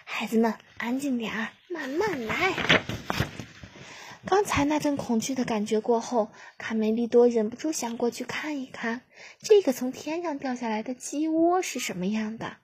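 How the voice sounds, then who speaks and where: A woman narrating a children's storybook in a gentle, expressive way. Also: a little high, normal speed, breathy edge.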